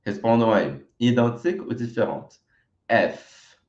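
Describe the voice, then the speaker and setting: A Brazilian man teaching French in an online lesson, speaking clearly and modelling each sound slowly so learners can repeat it. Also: medium pitch, lively intonation, darkish tone. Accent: Brazilian Portuguese. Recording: roomy, dull lo-fi recording.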